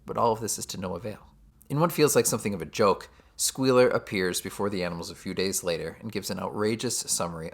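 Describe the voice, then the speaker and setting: A man's voice: on the low side, creaky. A man giving a scripted summary of a novel chapter, with dry, sardonic asides. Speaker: literature teacher. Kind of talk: scripted book summary narration.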